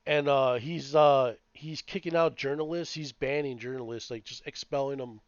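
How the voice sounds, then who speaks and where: A man's voice: medium pitch, normal speed, clear, resonant tone, no echo. A man in his late thirties, chatting casually as a podcast co-host, swearing and ranting in a rambling way. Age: 30s. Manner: profane, rambling, animated ranting. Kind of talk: casual chat. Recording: dull lo-fi dry sound.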